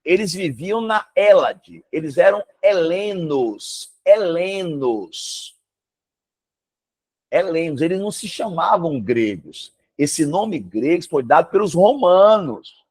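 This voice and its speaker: A Brazilian Portuguese-accented man gives a relaxed one-on-one lesson by video call, his slightly rough voice on the high side and unhurried. He exclaims and asks rhetorical questions, speaking with emphatic animation.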